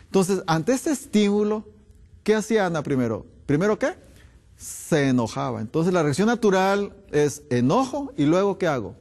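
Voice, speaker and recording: A man's voice: high voice, sing-song, normal speed, a little mellow. A man preaching and counseling in a sermon, asking repeated rhetorical questions and repeating key phrases. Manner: rhetorical questions, emphatic repetition. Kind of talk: sermon teaching.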